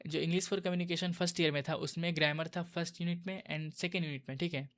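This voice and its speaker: A young man tutors students for an exam in a relaxed, chatty way, calling his viewers bro. His voice sits a touch high for a man and stays fairly level. It sounds like a voice-over made while recording his screen. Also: brisk. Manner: casual, addresses viewers as bro. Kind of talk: casual exam-prep lesson.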